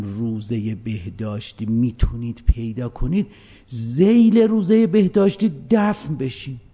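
A man giving a colloquial religious lecture, moving between hushed asides and emphatic, raised passages, on a dull lo-fi recording. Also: medium pitch, vocal fry, breathy edge.

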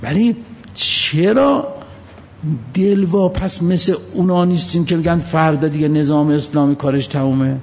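A man's voice: mid-range voice, vocal fry, lo-fi sound. Man, preacher, religious sermon, shifting tones and pace, reverberant hall, faint background noise. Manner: lively storytelling with shifts of tone and pace.

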